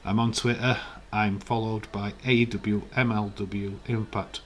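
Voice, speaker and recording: Hosting a relaxed live stream, a man chats in a wandering way and reads viewer comments out loud. His voice is croaky and hoarse, fairly low and level in tone, with a measured pace.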